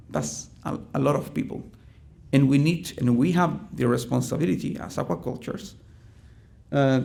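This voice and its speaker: Speaking with a Chilean Spanish accent, a middle-aged man from Chile stumbles through a conference presentation with many ums and restarts. His pitch is fairly high, his voice creaky and a little mellow. The setting is a conference room.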